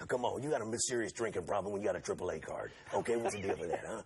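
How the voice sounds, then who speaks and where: A man's voice: on the low side, racing, darkish tone, breathy edge, pitched below the performer's own voice. A man putting on a folksy gas station attendant with a drawl.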